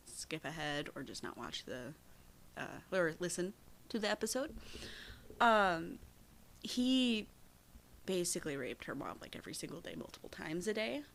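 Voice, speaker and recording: A woman's voice: low voice, vocal fry, slight background noise. Chatty, giggly young woman podcaster. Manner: chatty, giggly, frequent fillers and restarts. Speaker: podcast co-host. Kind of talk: casual true-crime podcast chat.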